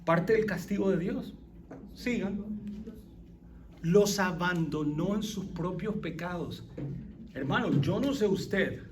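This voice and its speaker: A high-voiced man preaches in an animated way, firing questions at his group and slipping into English phrases. He is heard from a distance in an echoing room with steady background noise. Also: takes it slowly, pauses often. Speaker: pastor leading a Bible study. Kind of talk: interactive sermon.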